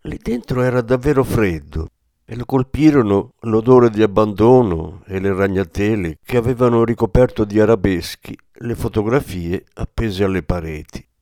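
Male audiobook narrator, very deep, dry sound, measured and somber. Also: warm tone, no room sound. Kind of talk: audiobook reading.

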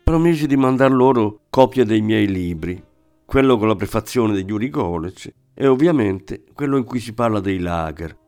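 A man reading literary fiction aloud in a measured, reflective manner, with faint music behind. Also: on the low side, lively intonation, a little mellow. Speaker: audiobook narrator. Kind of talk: scripted literary narration.

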